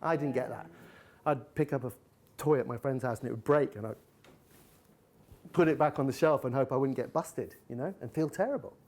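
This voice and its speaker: A man's voice: mid-range voice, a little fast. A man giving a candid live talk, telling personal stories and acting out retellings. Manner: candid storytelling, animated retellings. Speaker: guest speaker. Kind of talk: live talk with audience chat.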